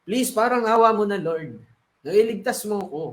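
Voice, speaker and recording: A man's voice: high-pitched, lively intonation, normal speed, fairly bright tone. A man voicing a stubborn man who prays desperately and then turns irritable, with pleading and then snappish delivery. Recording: roomy echo.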